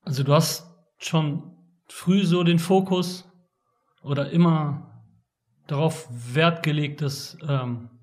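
A man's voice: a little high, fairly even intonation, slow, pauses often, a little mellow. A man hosting a podcast, greeting his guest and asking loose, rambling questions. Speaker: podcast host. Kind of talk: casual interview talk.

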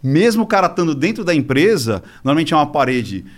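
A man's voice: fairly high pitch, very animated, quick pace. A man explaining things informally as an interview guest, using examples and checking that listeners follow. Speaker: interview guest, body language specialist.

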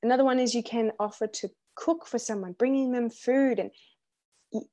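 A young woman hosts a faith podcast in a slightly high voice. She talks earnestly and encourages her listeners, and she often breaks off with ums and restarts. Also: normal speed, dark tone. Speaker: podcast host. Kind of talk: casual faith podcast chat.

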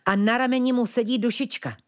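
A woman's voice: a little high, steady tone, voice pushed up, natural voice. A woman voicing a bold, impatient young male animal who is a brother, in an impulsive, eager manner. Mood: hushed spying.

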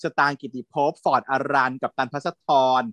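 A man co-hosting a casual chat about TV series, animated and gushing as he talks. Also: medium pitch, fairly quick, dry recording. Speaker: podcast co-host.

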